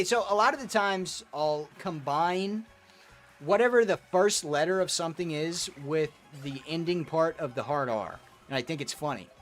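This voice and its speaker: A man's voice: high voice, fairly bright tone. A young man streaming a kart racing game, reading chat aloud and answering in crude, profane banter. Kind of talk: casual gaming stream chat.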